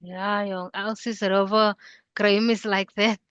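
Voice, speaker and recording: A woman's voice: medium pitch, flat delivery, slow pace, a bit bright, clean tone, no echo, highs cut off. A woman from South Africa hosting a radio interview, talking in a concerned, conversational way. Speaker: radio host.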